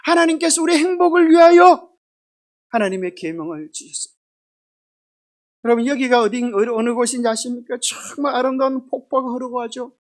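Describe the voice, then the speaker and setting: High-voiced woman teaching children. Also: moderate pace. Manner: lively, asks children questions. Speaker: children's Sabbath school teacher. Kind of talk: storytelling Bible lesson for children.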